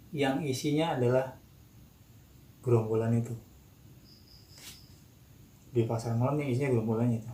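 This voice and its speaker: Animated Jakarta-accented young man telling a story. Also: mid-range voice. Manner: animated, acts out quotes. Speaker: guest storyteller. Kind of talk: casual horror storytelling. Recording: roomy echo, faint noise.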